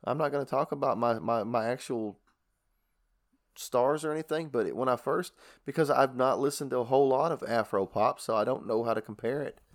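A man's voice: medium pitch, fairly quick. A man co-hosting a casual album review chat, hesitant and full of restarts as he talks through his thoughts. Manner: hesitant, many restarts and fillers. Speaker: podcast co-host reviewing albums.

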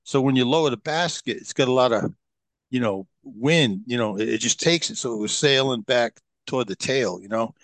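A man's voice: mid-range voice, normal speed, fairly bright tone, dry recording. Middle-aged man telling stories casually. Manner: rambling, many fillers and restarts. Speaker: podcast guest. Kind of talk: casual storytelling.

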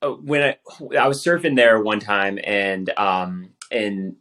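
Low-voiced, relaxed podcast host man. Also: takes it slowly. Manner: relaxed, conversational, lots of fillers and affirmations. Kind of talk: podcast interview.

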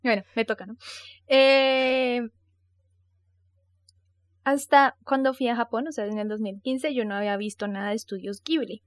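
A woman with a fairly high voice and a close, dry sound co-hosts a casual podcast. She tells anecdotes playfully and animatedly, dropping in little vocal asides. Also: moderate pace, pauses often, no echo. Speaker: podcast co-host.

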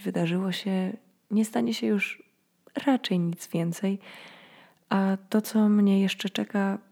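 A woman in her twenties recording a personal late-night podcast monologue, speaking quietly and reflectively, a little sleepy, as if telling stories. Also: mid-range voice. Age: 20s. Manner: reflective, storytelling. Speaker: podcast host.

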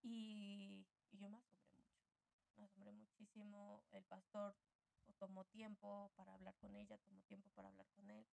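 Gravelly-voiced woman telling a story. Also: mid-range voice, monotone, normal speed, darkish tone, dry recording, rough recording. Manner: reflective, tag questions ending phrases. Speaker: interview guest, church member. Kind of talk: personal storytelling in conversation.

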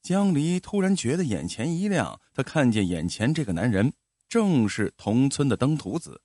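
A man tells a folk tale in expressive storybook narration, his mid-pitched voice swinging widely. The recording is dry and close-miked, with no room echo. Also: moderate pace.

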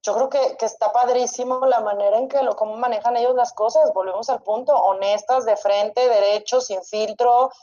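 Mellow Mexican woman on a dull recording. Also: on the high side, steady tone, moderate pace, hardly any pauses. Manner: reflective, agreeing. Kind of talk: casual panel chat. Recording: dull lo-fi sound.

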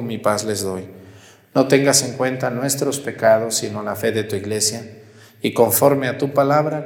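A man as a priest, reciting the prayers of the Mass in a measured, solemn way, heard with a cathedral echo. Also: medium pitch. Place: large church during Mass. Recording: long echo of a large church hall.

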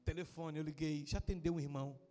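Animated Brazilian-born pastor preaching. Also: male voice, fairly high pitch, quick pace, a little hiss or hum. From southern Brazil. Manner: animated storytelling, acting out dialogue, rising to loud emotional preaching. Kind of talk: sermon with acted-out story.

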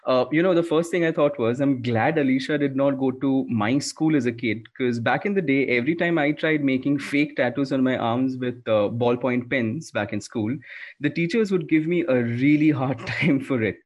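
A man hosts an interview podcast in a casual, friendly tone. His voice sits at a middle pitch, and he leans on small fillers as he talks. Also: normal speed, lo-fi sound. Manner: friendly, chatty with frequent fillers. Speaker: podcast host.

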